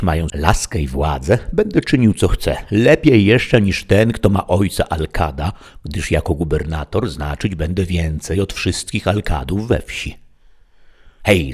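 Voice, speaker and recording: Narrator doing a boastful country squire for an audiobook: husky, low, full of proverbs. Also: male voice, heavily acted. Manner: strings proverbs together, rises in pitch. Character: rustic middle-aged male squire, proverb-loving and boastful.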